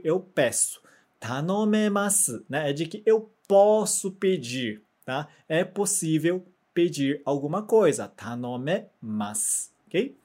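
A man teaching a grammar lesson, patient and methodical, saying example words slowly for repetition and ending sentences with quick check-in tags. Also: high voice, darkish tone. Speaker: Japanese language teacher.

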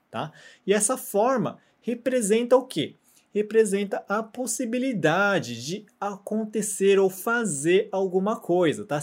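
A man teaching a grammar lesson, patient and methodical, saying example words slowly for repetition and ending sentences with quick check-in tags. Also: high voice. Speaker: Japanese language teacher.

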